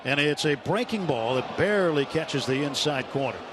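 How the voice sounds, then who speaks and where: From a broadcast booth at a baseball stadium, an American-accented man calls the game live as a radio play-by-play announcer. His voice is fairly high and animated at a normal speed, with crowd noise filling the noisy ballpark broadcast.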